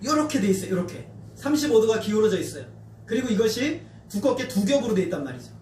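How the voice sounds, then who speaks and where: A man from North Jeolla preaching a sermon as pastor, animated and acting out quoted voices. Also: high-pitched, quick pace. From Korea, North Jeolla. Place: church sanctuary. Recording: echoey church hall, distant mic, faint noise.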